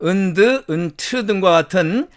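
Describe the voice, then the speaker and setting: A man from Korea teaching English pronunciation in a recorded lecture, explaining each rule step by step and slowing down to model the English words. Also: high-pitched, animated. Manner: explains step by step, asks "do you follow?".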